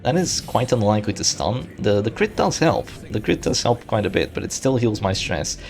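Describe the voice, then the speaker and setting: Low, animated gravelly man commentating gameplay. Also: moderate pace, faint music behind. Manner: thinks aloud, hopeful and self-correcting. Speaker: gaming channel host.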